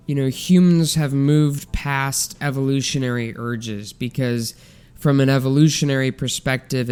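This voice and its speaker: A young man hosts a solo science podcast, his smooth, medium-pitched voice sounding congested and nasal. He chats in a relaxed, rambling way, full of ums and restarts.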